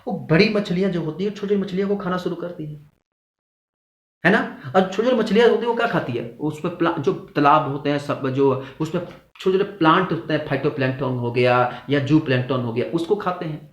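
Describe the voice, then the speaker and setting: A man teaching a lecture, who asks his students questions and answers them himself, with sharp rises and drops in pitch to stress his points. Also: fairly quick. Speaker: zoology teacher. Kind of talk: classroom lecture. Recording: echoey room.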